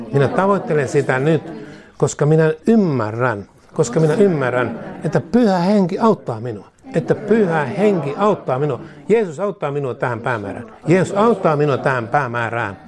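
A man at a mid pitch leads his congregation through a spoken declaration, giving each prayer line in short, measured phrases. A crowd can be heard clearly behind him, repeating every line back in unison. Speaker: pastor. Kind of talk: sermon, leading a call-and-response declaration. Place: church service with a congregation. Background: congregation repeating lines aloud.

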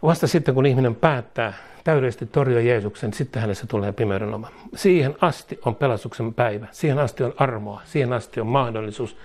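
A man's voice: few pauses, darkish tone. A man preaching a sermon, rising in force as he exhorts and leading prayers phrase by phrase. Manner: leads the congregation in prayer, phrase by phrase; rises in pitch and force as he exhorts. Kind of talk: sermon with call-and-response prayer.

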